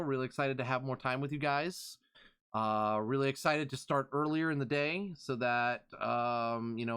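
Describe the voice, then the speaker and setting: A man's voice: medium pitch, fairly bright tone, clear, resonant tone. A man streaming live, chatting casually and reading out thanks to followers.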